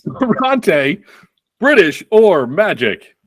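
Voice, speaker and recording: A man hosting a comedy trivia game show with a dry, deadpan delivery. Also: high-pitched, extremely slow, no echo.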